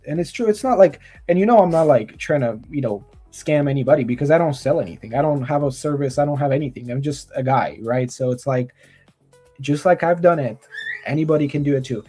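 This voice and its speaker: A man's voice: fairly high pitch, fairly quick, dark tone, breathy edge, soft background music. A man from Romania, a guest trader, gives earnest motivational advice in casual chat over a video call, often restarting his sentences.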